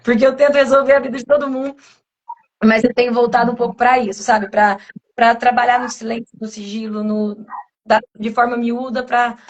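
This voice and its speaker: Woman, high pitch, earnest, reflective, interview guest. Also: little pitch movement, a little fast. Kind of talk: conversational interview testimony.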